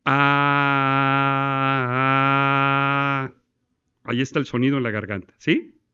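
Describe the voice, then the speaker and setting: A man's voice: mid-range voice, animated, fast, muffled recording. A man teaching a class on breathing and diction, demonstrating exercises and quizzing his students. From Mexico. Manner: demonstrative, asks the class questions, recites verse in one breath. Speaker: law course instructor. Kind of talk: classroom lecture on voice technique.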